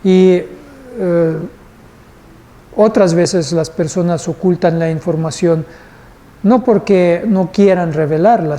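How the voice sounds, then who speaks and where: A man's voice: high-pitched, dark tone. A male instructor teaching a live class, patient and asking the group questions. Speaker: course instructor.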